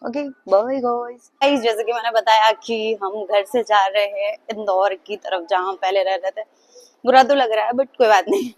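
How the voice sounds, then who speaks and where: Talking on the road for a casual travel vlog, this young woman from Madhya Pradesh, India, is wistful and chatty and mixes in English words. She has a medium-pitched voice, captured roughly outdoors on a hand-held phone.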